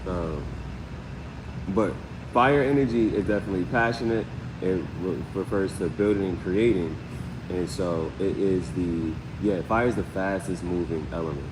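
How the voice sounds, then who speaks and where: Over background noise, this live tarot host talks at a normal speed in a voice that sits low. His style is loose and meandering, full of fillers like "you know what I'm saying."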